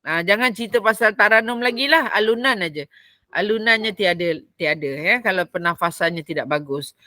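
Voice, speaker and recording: Malaysian lady teacher explaining breathing for recitation, bright clear voice, dry close sound. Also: medium pitch, brisk, dry recording, rough recording. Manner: explains step by step, repeating key phrases. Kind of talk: spoken class lecture.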